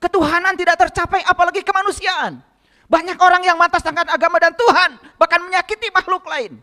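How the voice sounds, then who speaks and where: A man's voice: very high voice, fairly even intonation, a little fast, pushed and bright. A man with a light tinge giving a sermon, pressing the congregation with rhetorical questions. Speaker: spiritual teacher. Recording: long hall reverb.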